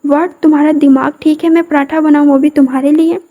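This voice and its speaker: A woman reading as a defiant, sharp-tongued young bride. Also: sits high, fairly even intonation. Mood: indignant. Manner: indignant, retorting.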